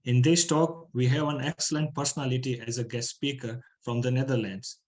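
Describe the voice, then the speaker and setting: A man's voice: medium pitch, steady tone, brisk, darkish tone, low-quality recording. A man hosting an online talk, formal in his welcomes and hesitant in places. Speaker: host.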